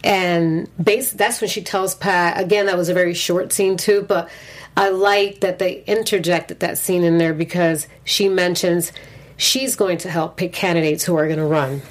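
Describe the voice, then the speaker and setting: Woman co-hosting a TV recap chat. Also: lowish voice. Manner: animated, quick to react with affirmations and laughs. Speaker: co-host of a TV after-show. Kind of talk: casual chat, episode recap.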